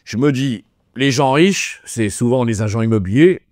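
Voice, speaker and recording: Man, interview guest, lively storytelling, swooping pitch, dry close sound, slangy, stammering restarts. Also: moderate pace, no echo. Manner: colloquial, acts out dialogue in changed voices. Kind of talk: animated storytelling about his life.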